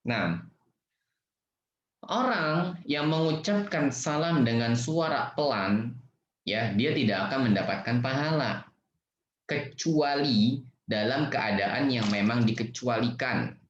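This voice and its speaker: A man with an Indonesian accent, teaching an online lesson for children in a playful, lively way, acting out loud and soft greetings. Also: mid-range voice, slow, pauses often. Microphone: video call. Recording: roomy, dull video-call audio.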